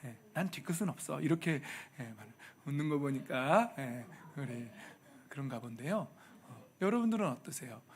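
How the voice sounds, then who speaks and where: Male pastor, slightly higher voice, lively and playful sermon delivery in a church. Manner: animated and humorous, acting out quoted speech. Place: church sanctuary.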